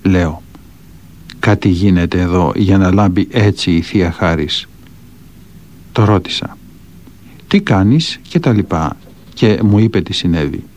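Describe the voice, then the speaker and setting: A man with a fairly low voice reads spiritual anecdotes and counsel aloud. His intonation rises and falls a lot as he tells the stories, moving from calm counsel to vivid retelling. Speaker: reader of a monk's teachings.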